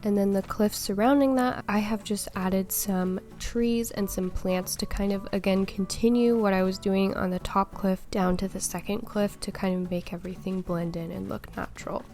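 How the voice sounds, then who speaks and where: A young woman a little under the weather, her voice slightly crackly, calmly explaining tips step by step in a tutorial voice-over. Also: medium pitch. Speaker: video game tutorial host.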